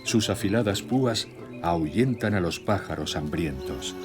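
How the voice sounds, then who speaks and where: A man narrating a scripted nature documentary in a measured, solemn storytelling way. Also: low voice, lively intonation. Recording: music bed with nature sounds. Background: music, birdsong and nature sounds.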